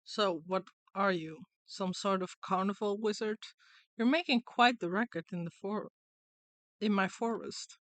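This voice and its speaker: A woman's voice: medium pitch, measured pace, no echo, close to an everyday voice. A woman voicing a sassy, blunt, sceptical adventurer from a video game. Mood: blunt, suspicious. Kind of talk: reading video game dialogue in character.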